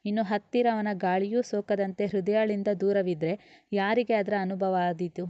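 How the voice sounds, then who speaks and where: A woman reading a serialized romance story aloud in a steady, expressive narration. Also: medium pitch, moderate pace, no room sound, muffled recording.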